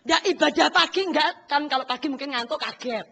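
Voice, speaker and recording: A woman pastor preaches with lots of energy, calling out to her congregation. Her voice sits high and rings bright. She acts out little voices to make her point. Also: a little fast, creaky. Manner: animated, addresses congregation often, acts out voices. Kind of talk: sermon.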